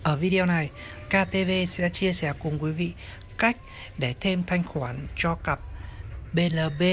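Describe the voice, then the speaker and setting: Polite tutorial host over steady background hiss. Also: medium pitch. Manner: polite, addresses viewers formally, ends steps with "này". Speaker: channel host. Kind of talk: step-by-step screen tutorial narration. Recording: clear steady background noise.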